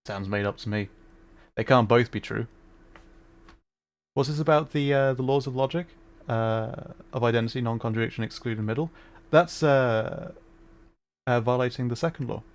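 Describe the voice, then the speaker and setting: A man's voice: mid-range voice, normal speed, long pauses. A man with an English accent between Derbyshire and received pronunciation, rambling through casual gaming commentary with frequent fillers and laughs. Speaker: streamer.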